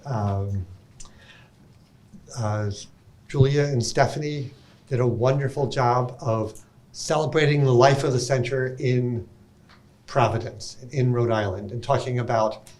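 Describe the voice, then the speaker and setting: A man losing his voice, giving a rambling, informal welcome talk into a handheld microphone in a conference room. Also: medium pitch. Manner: warm, rambling, many ums and restarts. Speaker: session speaker at an alumni reunion.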